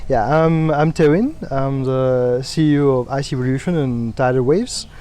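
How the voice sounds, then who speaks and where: A man with a Mauritian accent answering interview questions in a conversational, halting way, with frequent pauses. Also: medium pitch, dark tone, slight background noise. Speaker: company CEO, interviewee.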